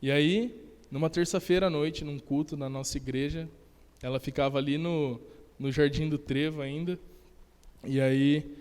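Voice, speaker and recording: A young Brazilian man giving an animated testimony during a church service, acting out the dialogue of his story. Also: on the high side, normal speed, clean tone. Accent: Brazilian Portuguese. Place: church sanctuary. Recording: long church hall reverb.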